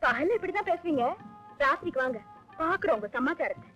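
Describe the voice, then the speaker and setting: An actress playing a sharp-tongued, teasing young village wife in a film comedy, quarrelsome. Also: female voice, high-pitched, lively intonation, fast talker, soft background music, poor audio. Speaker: wife, daughter-in-law. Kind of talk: 1980s film comedy acting.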